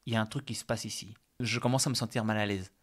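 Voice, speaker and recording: A man's voice: fairly low pitch, steady tone, fast. A man casually telling a personal story as a podcast guest, chatty with many fillers.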